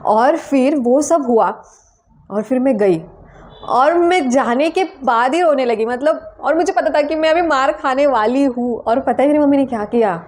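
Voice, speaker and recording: A young woman tells a story from her own life in a casual vlog. Her voice sits a little high and sounds soft and mellow, never sharp. She talks in a chatty, animated way and leans on casual fillers. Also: moderate pace. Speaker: vlogger.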